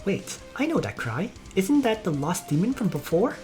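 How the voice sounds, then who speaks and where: A woman voicing an excitable young female mage who scolds, whines and gets flustered, reading game dialogue aloud. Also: medium pitch, moderate pace, soft background music, pitched above the performer's own voice, natural voice. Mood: fussy. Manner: whiny, scolding, easily flustered.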